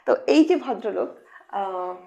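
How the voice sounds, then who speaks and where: A woman teaching phonics to children, playful and coaxing, asking many questions and slowly repeating each sound. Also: mid-range voice, animated, gravelly, dark tone, lo-fi sound. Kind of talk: informal lesson to children.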